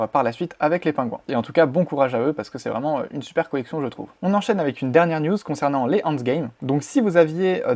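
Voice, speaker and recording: A man's voice: medium pitch, a little mellow. A man presenting a casual news vlog in a chatty way, with plenty of fillers and restarts. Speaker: crypto YouTuber.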